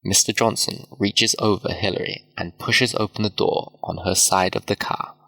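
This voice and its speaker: A man reading a story aloud slowly and clearly for English learners. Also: on the low side, fairly even intonation, pushed and bright, low-quality recording. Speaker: narrator. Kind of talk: slow scripted story narration for English learners.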